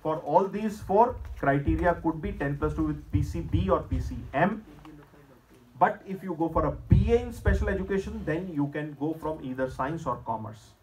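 A middle-aged man with an Indian accent lecturing students in an emphatic, measured way, as a career seminar presenter. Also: a little high, lively intonation, darkish tone, slight background noise, poor audio. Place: school hall stage, indoors at a podium.

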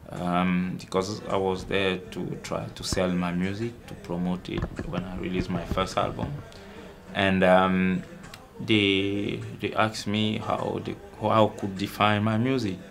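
A young Cameroonian man, a musician, answering interview questions in a halting way, with many fillers and restarts. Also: low-pitched, gravelly. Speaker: musician guest.

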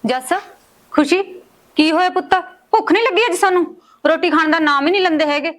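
Actress as high-pitched rural mother, scolding and protective. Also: fast, a bit bright. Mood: coaxing. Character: worried rural mother defending her daughter. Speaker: mother in a family drama. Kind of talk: village short-film acting.

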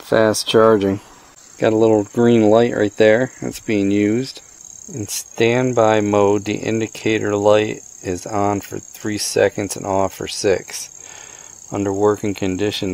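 The recording quality is low as a middle-aged product reviewer speaks in a lowish, creaky, darkish voice. Out in a driveway, he casually tests gear while thinking aloud and joking dryly, all captured on a body-worn action camera.

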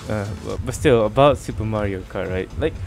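A man's voice: fairly low pitch, a little fast, vocal fry, soft background music. A man streaming a video game, chatting casually in a rambling way, stammering and laughing often. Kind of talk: casual let's-play chat.

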